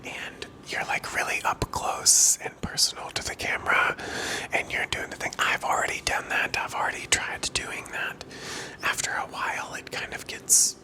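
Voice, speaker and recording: An ASMR creator whispers very close to a wireless microphone in a casual, rambling and candid vlog chat, breathy and occasionally soft-spoken. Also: moderate pace. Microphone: clip-on wireless microphone, held close.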